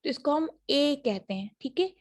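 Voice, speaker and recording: A woman teaching a phonetics class over a video call. She has a throat infection, models words slowly and keeps checking in with her students. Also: high-pitched, animated, darkish tone. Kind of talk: online class lecture. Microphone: computer mic on a video call.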